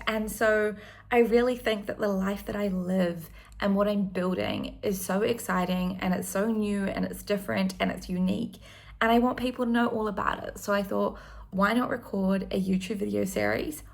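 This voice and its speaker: A woman's voice: mid-range voice, creaky. A woman in her thirties, from New Zealand, chatting enthusiastically in a casual one-take vlog with frequent ums. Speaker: vlogger.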